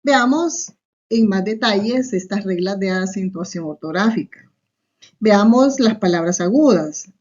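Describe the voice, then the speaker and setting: A woman's voice: medium pitch, animated, unhurried, darkish tone. Woman, Salvadoran Spanish accent, teacher, step-by-step lecture, muffled lo-fi sound. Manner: explains step by step, often adding a questioning "¿verdad?". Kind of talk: recorded online class lecture. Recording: muffled lo-fi recording.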